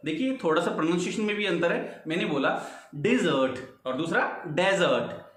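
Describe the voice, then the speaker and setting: A man's voice: high-pitched, expressive, fairly bright tone, reverberant. A man teaching vocabulary in Hindi, spelling words letter by letter and often asking if the class is following. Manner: explains slowly, spells words letter by letter, checks "ठीक है ना?". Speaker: English teacher. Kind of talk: Hindi-English vocabulary lesson.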